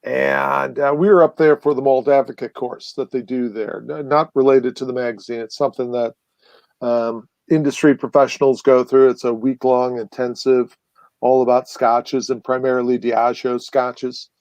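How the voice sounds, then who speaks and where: Man, guest, mid pitch, rambling anecdotal chat, dry close sound. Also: moderate pace, gravelly, no room sound. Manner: rambling, animated, many fillers and restarts. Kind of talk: casual storytelling chat.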